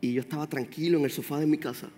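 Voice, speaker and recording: Man, preacher, high pitched, animated, long hall reverb. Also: very fast. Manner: animated, addresses the congregation directly. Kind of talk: sermon. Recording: roomy hall with faint music.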